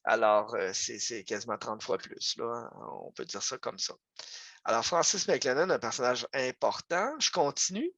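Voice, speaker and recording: Over a video call, a Quebec-accented man delivers a local history lecture in a conversational style full of fillers and side remarks. His mid-range voice is animated and a bit bright, at a normal speed. There's no room sound in the recording.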